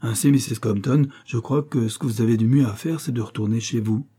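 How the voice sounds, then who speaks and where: A man's voice: mid-range voice, fairly quick, mellow, slightly rough, close to an everyday voice. A man reading aloud, voicing a prim, sly old spinster who refuses to give money.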